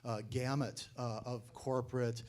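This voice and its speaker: Halting man with frequent uhs. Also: medium pitch, little pitch movement, a little mellow. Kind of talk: panel discussion answer.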